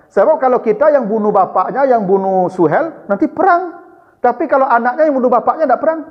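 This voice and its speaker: A man preaching, telling the story in a lively, chatty way and turning often to his listeners. His voice sits fairly high. The sound rings in a reverberant hall and comes across dull. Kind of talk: storytelling religious lecture.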